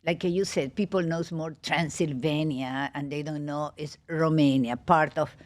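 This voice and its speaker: A woman's voice: sits low, steady tone, unhurried, darkish tone. Woman guest with a Peruvian Spanish accent. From Peru. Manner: explains eagerly, uses many fillers like "you know". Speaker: podcast guest, travel organizer. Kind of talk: casual podcast chat.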